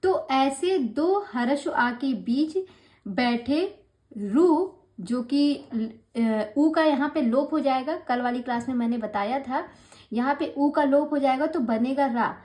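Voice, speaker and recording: High-voiced woman teaching grammar. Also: darkish tone. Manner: encouraging, patient explaining, slows to spell out rules. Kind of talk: online grammar class.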